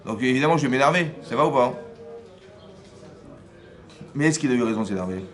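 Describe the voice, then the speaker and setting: A man, a rabbi, giving a lively Torah class, often acting out dialogue and asking his listeners whether they follow. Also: mid-range voice, brisk. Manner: acts out dialogue in first person.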